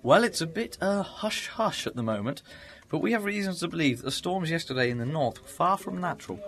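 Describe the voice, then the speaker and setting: A man's voice: on the high side, expressive, fairly quick, fairly bright tone. A man playing the Doctor, an eccentric time traveller, with a breezy, theatrical manner in an audio drama. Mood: earnest. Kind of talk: amateur audio drama acting.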